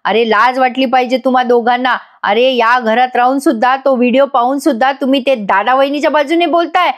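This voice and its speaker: An indignant young man accuses his family and keeps demanding answers, voiced by a woman. The pitch sits somewhat high. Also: a little fast, lightly acted. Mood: accusing.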